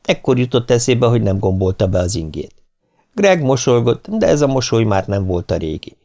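A man narrating an audiobook with an expressive, dramatic reading. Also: medium pitch, gravelly.

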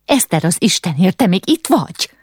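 A woman's voice: lowish voice, very animated, darkish tone, breathy edge, no room sound, clean studio sound, voice pushed up. A woman voicing a frightened young gentry girl who gives urgent orders in an audiobook. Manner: urgent, commanding.

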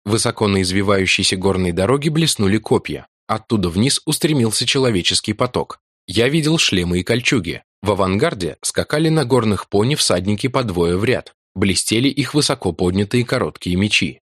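Low-voiced male audiobook narrator. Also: breathy edge, dry recording, studio quality. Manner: measured, even storytelling. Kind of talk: scripted narration.

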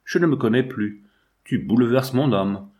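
A man reading the lines of a proud father, emotional and halting. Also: mid-range voice, warm tone, natural voice. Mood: shaken.

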